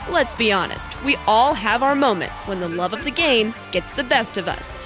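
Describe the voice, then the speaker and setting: High-pitched woman, sports news field reporter. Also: expressive, normal speed, music in the background.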